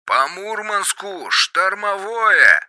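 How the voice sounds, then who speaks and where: A man's voice: high-pitched, sing-song, takes it slowly, pushed and bright, pitched above the performer's own voice, heavily acted. A man doing a cocky pilot over a radio handset. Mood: breezy. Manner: brash, dismissive of danger. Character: cocky male helicopter pilot. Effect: heard over a radio handset. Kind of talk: audiobook reading.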